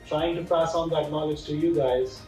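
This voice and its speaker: Man, mellow and matter-of-fact. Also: on the high side, steady tone, moderate pace. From India. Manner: matter-of-fact, lists credentials steadily. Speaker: physiotherapy course instructor. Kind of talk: casual interview talk. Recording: roomy room, distant mic, faint music.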